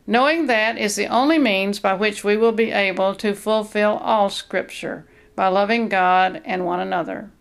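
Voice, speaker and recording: A woman giving a measured, earnest Bible teaching, reading scripture passages aloud in a steady devotional style. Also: mid-range voice, gravelly.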